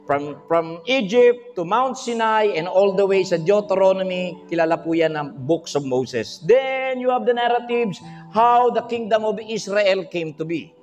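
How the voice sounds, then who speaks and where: A man with a Filipino accent preaching an animated livestream sermon, asking the audience questions and breaking into snatches of song. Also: sits high, unhurried, big-room sound, lo-fi sound, soft background music.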